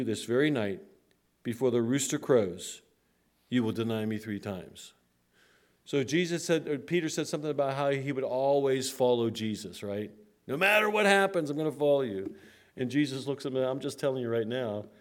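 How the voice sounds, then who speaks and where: A man's voice: mid-range voice, a little mellow. A preacher speaking to his congregation. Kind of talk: sermon.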